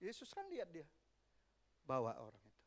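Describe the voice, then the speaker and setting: Man, pastor, high voice, sermon, animated, questions the congregation. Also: brisk.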